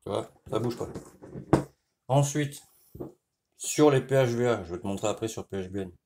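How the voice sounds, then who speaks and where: His voice lowish and the background noisy, a French-accented motorcycle mechanic gives a relaxed hands-on repair lesson. He speaks directly to the viewer, checking in with "tu vois" frequently. He explains while working, with stops and restarts.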